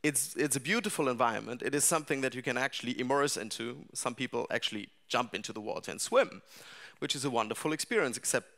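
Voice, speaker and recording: Speaking at middle pitch to people seated in a dim seminar room, a middle-aged larp designer delivers a conference talk. His speech is reflective and halting, full of restarted phrases and "uh" and "um" fillers.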